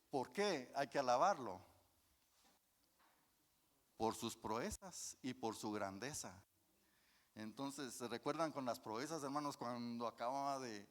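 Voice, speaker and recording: A man preaches to his congregation in a church, and his voice trails off into a long reverb. He sits at a middling pitch and talks in a folksy way, tossing out questions and answering them himself. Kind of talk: sermon. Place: church hall.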